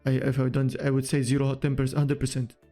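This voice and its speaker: A man hosting a streamed podcast in casual chat, halting and restarting with non-native phrasing. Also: medium pitch, monotone, dark tone, soft background music. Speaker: podcast host.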